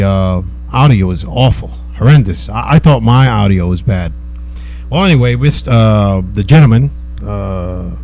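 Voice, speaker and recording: A man with a lowish, soft-edged, mellow voice delivers an informal opinion piece as a local host. He meanders and pauses often, admonishing as he goes. A faint electrical hum sits under the recording. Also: lo-fi sound. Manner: halting, meandering delivery with long hesitations. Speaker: host of a local civic video show. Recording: steady mains hum and background noise.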